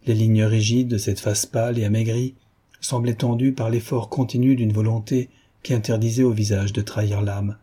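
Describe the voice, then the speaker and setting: Brief: male audiobook narrator, measured; dark, husky, lowish voice. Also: little pitch movement. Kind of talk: scripted narration of a classic novel.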